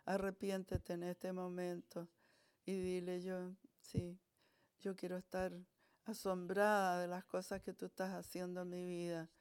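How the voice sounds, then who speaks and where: A woman pastor leading a church altar call, praying fervently with pauses and restarts. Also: lowish voice, monotone, darkish tone, clean tone.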